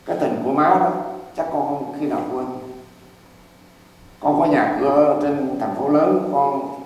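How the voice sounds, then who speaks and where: A man's voice: mid-range voice, a little slow, a little mellow, dull audio, natural voice. A man voicing a humbled, remorseful grown son, speaking earnestly and pleadingly. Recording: echoey church hall from far off.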